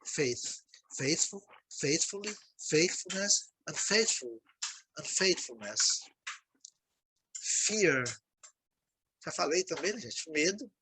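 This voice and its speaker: A man's voice: fairly high pitch, expressive, slow pace, pauses often, sharp tone, slight background noise, poor audio. A Brazilian man with a Brazilian Portuguese accent recording a video lesson on English vocabulary, patiently repeating words and checking in with his students. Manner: explanatory, repeats words, frequent "né, gente?". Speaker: English teacher.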